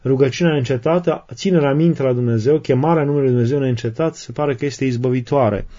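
Man preaching in a mellow, muffled voice. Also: mid-range voice. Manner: reads a passage, then retells and explains it with fillers and restarts. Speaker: Orthodox preacher. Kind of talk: sermon reading and explaining desert fathers' sayings.

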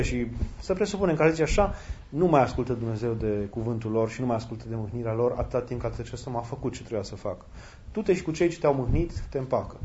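A man preaching a sermon as a priest, speaking animatedly and leaping up in pitch when he voices other people. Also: darkish tone. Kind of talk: sermon answering questions. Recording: dull lo-fi with faint noise and clicks.

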